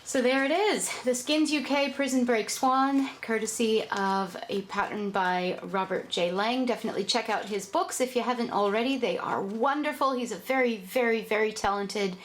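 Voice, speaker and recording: A woman's voice: on the high side, moderate pace, hardly any pauses, a little hiss or hum. Chatty woman teaching paper folding. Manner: chatty, with fillers and restarts. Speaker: origami tutorial host. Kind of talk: casual tutorial talk.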